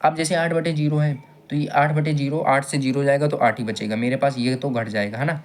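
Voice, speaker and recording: Guy teaching maths slowly, repeats steps, keeps asking the kids stuff. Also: medium pitch, fairly even intonation. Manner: patient, repeats steps and asks the class questions. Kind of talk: step-by-step maths lesson.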